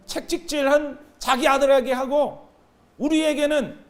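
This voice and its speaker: A man in his thirties preaching a sermon as pastor, animated, calling out to his congregation and waiting for replies. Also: extremely high pitch, measured pace. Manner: animated, call-and-response with the congregation.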